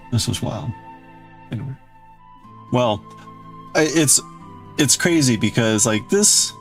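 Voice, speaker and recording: A gravelly, mid-range male voice belongs to a livestream host chatting casually, rambling and exclaiming as he welcomes and answers viewers while crafting and reading out their chat.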